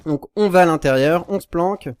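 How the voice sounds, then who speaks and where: A man's voice: a little high, brisk, smooth. A young man casually commenting on his video game as he plays, rambling and self-correcting, with sudden panicked yelps. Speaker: Minecraft YouTuber.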